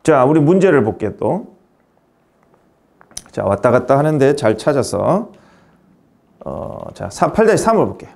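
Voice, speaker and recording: A man teaching an English grammar lesson, brisk and quizzing his student as he goes. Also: medium pitch, big pitch swings, creaky, a little mellow.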